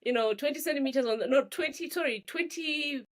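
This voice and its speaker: A middle-aged woman from Zimbabwe, an author talking as a guest in a relaxed interview, animated and quick to laugh, often repeating words as she thinks. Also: high-pitched. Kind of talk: casual interview conversation.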